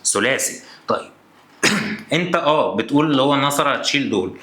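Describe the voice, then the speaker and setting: A man's voice: mid-range voice, lively intonation, brisk, sharp tone. A man with an Egyptian Arabic accent teaching grammar in a playful, teasing way, acting out the questions his students might ask. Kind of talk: energetic classroom lesson. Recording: echoey room.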